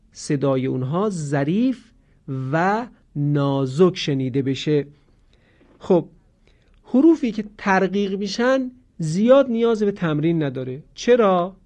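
A man teaching Quranic pronunciation, explaining rules and drawing out example words slowly. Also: on the high side, a little mellow. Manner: slow, deliberate drawn-out model words between explanations. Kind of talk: instructional lesson on Quranic pronunciation. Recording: dull lo-fi audio.

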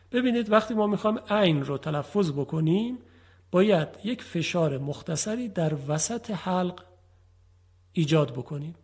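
A man teaching Quranic letter pronunciation in a formal televised lesson, explaining patiently and drawing out example words slowly. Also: a little high, darkish tone, slightly rough. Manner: formal, patient explaining with slow drawn-out demonstrations.

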